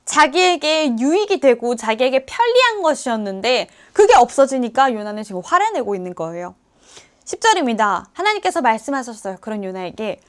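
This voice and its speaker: High-voiced woman preaching to children. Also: brisk. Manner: asks the children lively questions while retelling a Bible story. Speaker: junior pastor. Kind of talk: children's sermon.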